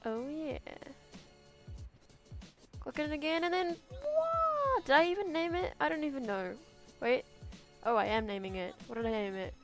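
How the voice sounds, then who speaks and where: A woman's voice: on the high side, steady tone, normal speed, long pauses, faint music behind. A young woman chatting and giggling through casual let's-play commentary as a gaming host. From New Zealand.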